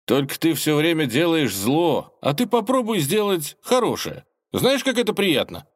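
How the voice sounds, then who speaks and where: A cheeky young folk hero from a storybook, as a man puts him on, his voice pitched well above a grown man's and lively as he pleads earnestly. Boldness and eagerness show in every line. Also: a little slow, no room sound, clean studio sound, full character voice. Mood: coaxing.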